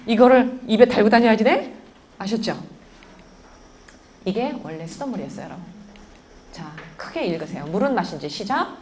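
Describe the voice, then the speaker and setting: Animated woman lecturing a crowd. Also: medium pitch, moderate pace, pauses often, slight background noise. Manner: animated, keeps quizzing the audience. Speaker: parenting lecturer. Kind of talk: lively lecture to an audience.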